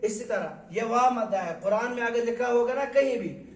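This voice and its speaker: A man with a high voice leads a Quran reading lesson, stretching out each letter sound and firing questions at his pupils. He sits some distance from the microphone in a room with a strong echo. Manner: questioning, drawn-out recitation of letters. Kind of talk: classroom lesson. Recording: echoey room, mic far off.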